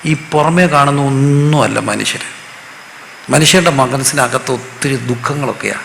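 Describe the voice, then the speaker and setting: A man's voice: medium pitch, moderate pace, creaky, a bit bright. A male pastor from Kerala preaching a sermon, asking his congregation questions and having them call back the answers. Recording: echoey hall with long reverb, faint noise.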